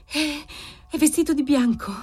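A woman's voice: high-pitched, fairly even intonation, moderate pace, a little mellow, voice pushed up, lightly acted. A woman voicing a terrified young woman who sees a ghost, trembling, breathless and pleading. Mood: frightened.

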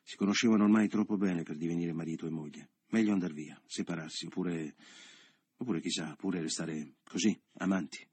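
A man narrating a novel as an audiobook in a measured, literary way. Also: low-pitched, steady tone, darkish tone, slightly rough, dry recording.

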